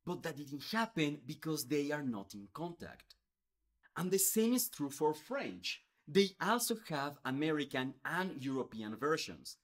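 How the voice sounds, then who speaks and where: Gesturing a lot with his hands, a Spanish-speaking man in his thirties from Mexico explains earnestly and animatedly to his YouTube camera. He's indoors before a space backdrop, his voice a little high and his pace measured.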